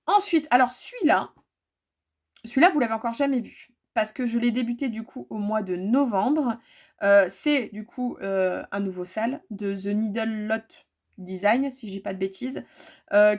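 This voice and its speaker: Chatty woman vlogging casually. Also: on the high side. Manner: chatty, many fillers and repeated words. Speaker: cross-stitch vlogger. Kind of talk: casual chat to viewers.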